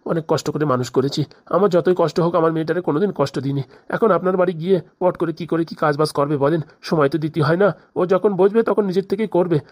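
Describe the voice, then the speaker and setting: A woman's voice: fairly low pitch, a little mellow, no echo, clean studio sound, lightly acted. A woman voicing a fretful middle-aged father who pleads at length for his only daughter in a cartoon. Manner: pleading, rambling complaints. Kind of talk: cartoon voice acting.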